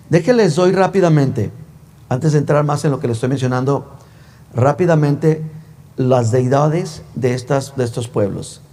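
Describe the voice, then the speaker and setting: A man's voice: medium pitch, a little slow, long pauses, mellow. A male pastor preaching a sermon in a conversational, teasing way, full of rhetorical questions. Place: church sanctuary. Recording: long church reverb.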